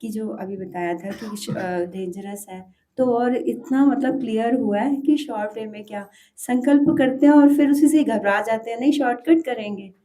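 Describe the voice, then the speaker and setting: A woman's voice: a little high, normal speed, few pauses, mellow. A woman devotee earnestly sharing her experience at a devotional gathering, often restarting as she searches for words. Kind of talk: heartfelt testimony at a devotional gathering.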